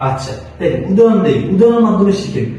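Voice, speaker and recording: A man's voice: sits high, very animated, fast talker, warm tone, very echoey, recorded from a distance, poor audio. A man teaching spoken English pronunciation. He spells words out letter by letter and answers his own questions. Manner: repeats answers in call-and-response questions. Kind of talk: classroom lesson.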